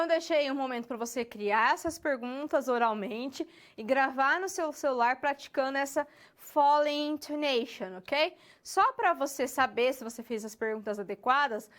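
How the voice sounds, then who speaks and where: A woman teaching an English lesson, addressing the student directly and slowing down to model English questions. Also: sits high. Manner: slow, stretched model phrases when demonstrating English questions; talks directly to the student, checks in with tags. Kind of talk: recorded online lesson.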